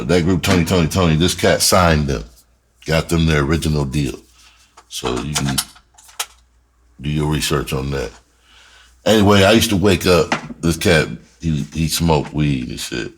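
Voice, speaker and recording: A middle-aged American music producer rambles through a casual, slangy, profane storytelling monologue, repeating phrases and chuckling as he reminisces. His bass voice has lively intonation and a measured pace with long pauses, and there is a little hiss or hum in the recording.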